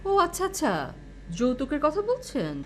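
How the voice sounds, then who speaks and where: A woman's voice: high-pitched, sing-song, moderate pace, slight background noise. An actress playing Pori, an agreeable young woman in a comedy TV drama. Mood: eager. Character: naive young woman Pori, eager to please.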